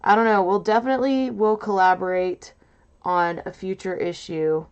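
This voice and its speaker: A woman hosting a casual crafting livestream in a loud, nasal voice, rambling and hesitant with lots of fillers, from a mic set off to her side. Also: medium pitch, steady tone, moderate pace, smooth, lo-fi sound. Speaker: livestream host. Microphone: mic set off to the side, away from camera.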